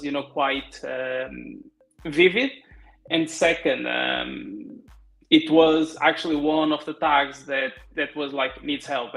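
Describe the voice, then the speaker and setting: Man with a Portuguese accent, guest on a video call, pitched a little high, stop-start delivery. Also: creaky, fairly bright tone, reverberant, rough recording. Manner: halting, many restarts and fillers. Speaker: guest software developer. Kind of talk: casual interview over video call.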